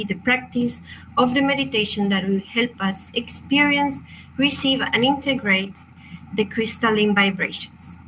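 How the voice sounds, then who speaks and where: Presenting an online crystal workshop against a noisy background, a woman from Chile speaks in a fairly high voice. She's a native Spanish speaker with a Chilean accent, and her delivery is hesitant and apologetic, full of fillers and restarts.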